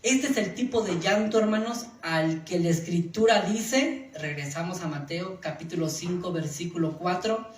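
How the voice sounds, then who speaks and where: A man's voice: high-pitched, moderate pace, few pauses. A male pastor preaching a sermon to his congregation. He uses rhetorical questions and acts out short quotes. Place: church hall. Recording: echoey room mic from far off, faint ambience.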